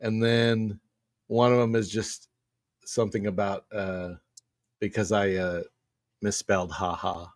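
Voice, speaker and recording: A man's voice: lowish voice, level tone, measured pace, long pauses, dry recording. A man co-hosting a podcast, rambling through a casual story and laughing as he talks. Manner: rambling, laughs while telling stories. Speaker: podcast co-host. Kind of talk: casual chat.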